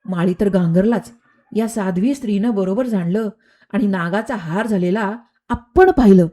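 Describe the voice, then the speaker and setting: A woman storyteller narrating a devotional tale in a measured, expressive way. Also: mid-range voice.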